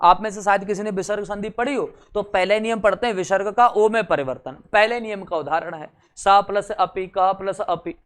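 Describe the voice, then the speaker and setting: A man's voice: high voice, moderate pace, few pauses, fairly bright tone. A young adult man teaching a grammar lesson for exam prep, chatty and teasing, often quizzing his students.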